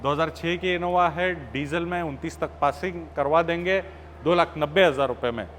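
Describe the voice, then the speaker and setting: Car dealer guy, slightly high voice, hard sell price after price, some background noise. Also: normal speed, a bit bright. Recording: faint ambient background noise.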